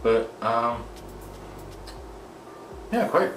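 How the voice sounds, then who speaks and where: A man's voice: medium pitch, very animated, very slow, over music. Muffled man talking through a face mask. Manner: rambling, many fillers. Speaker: product reviewer. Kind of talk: casual unboxing review. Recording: echoey room, mic at a distance, clear background noise.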